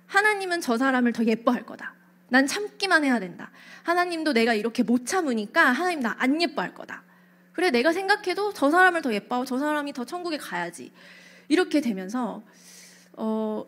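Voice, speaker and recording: A pastor's wife giving a testimony in a church worship service, telling her story in a lively way and acting out the voices in her head. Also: high-pitched, fairly quick.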